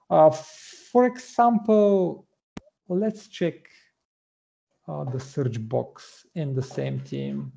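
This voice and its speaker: Slow, gravelly man demoing code. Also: fairly high pitch, dark tone, highs cut off. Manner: methodical, explanatory, many "uh" pauses. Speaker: front-end developer presenting. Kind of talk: screen-share coding walkthrough.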